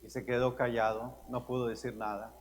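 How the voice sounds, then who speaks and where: A man's voice: mid-range voice, level tone, moderate pace. A male pastor giving a Sunday homily, telling stories earnestly and stressing his key words. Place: large church. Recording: long church reverb, faint room noise.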